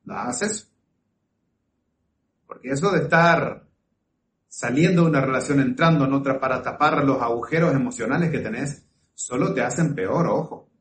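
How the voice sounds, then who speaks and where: A man's voice: mid-range voice, moderate pace, pauses often, slight background noise. A man giving earnest, coaching advice straight to the listener, often checking in with short questions. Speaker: relationship advice speaker. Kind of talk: direct-to-camera advice talk. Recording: echoey room with faint ambience.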